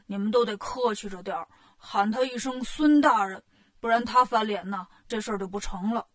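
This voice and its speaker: A woman voicing a greedy, grumbling male pig monk in a storybook tale, with a whiny, indignant manner and a husky voice. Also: mid-range voice, normal speed, fairly bright tone, voice pushed down, lightly acted.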